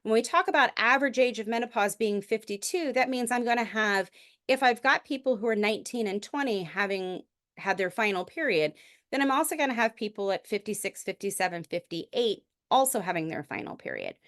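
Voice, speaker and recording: A woman's voice: fairly high pitch, big pitch swings, a little fast, fairly bright tone. A middle-aged woman physician giving a lecture in a conversational, explanatory way, with frequent restarts. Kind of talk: recorded medical lecture.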